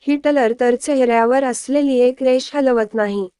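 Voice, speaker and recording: A woman's voice: high voice, measured pace, mellow, clear, resonant tone, no echo, studio quality. A woman voicing a playful, chatty young daughter-in-law.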